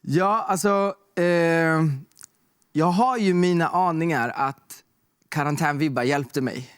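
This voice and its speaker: A man's voice: fairly high pitch, smooth, dry recording. Young man telling stories in a dry room. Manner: relaxed storytelling with fillers like "liksom" and "typ". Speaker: guest artist. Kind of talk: casual chat.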